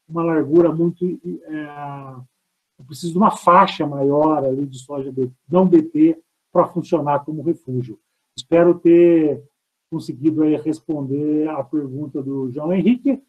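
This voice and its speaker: A Brazilian professor with a Brazilian Portuguese accent answers audience questions in an online lecture, explaining step by step and asking himself rhetorical questions. His voice is a little high and comes through a thin headset mic on a video call with phone-quality sound.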